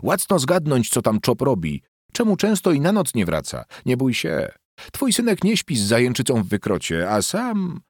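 A man doing a shrill, jeering peasant wife in an audiobook, her voice leaping high as she scolds her lazy husband. The sound is dry and close, with a lively, swooping delivery. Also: normal speed, slightly rough, dry recording. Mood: mocking.

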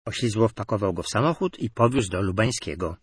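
A man narrating humorous anecdotes in a lively storytelling delivery. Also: on the low side, a little fast, slightly rough, no echo, clean studio sound.

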